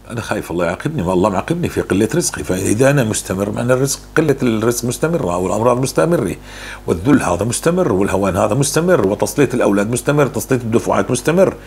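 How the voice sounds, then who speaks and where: A man's voice: on the low side, lively intonation, very fast, gravelly, a little hiss or hum. A man answering religious questions, fervent and repeating words for emphasis. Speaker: religious speaker.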